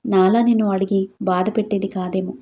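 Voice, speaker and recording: A woman voicing a gentle, caring mother who coaxes her son in a storybook reading. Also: medium pitch, steady tone, a little fast, lo-fi sound, lightly acted. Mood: tender.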